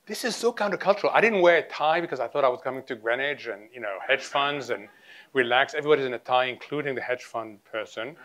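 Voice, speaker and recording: A man's voice: medium pitch, fast talker, a bit bright. A man moderating a live conference panel, teasing the guests and pressing them for direct answers. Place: conference stage before a live audience.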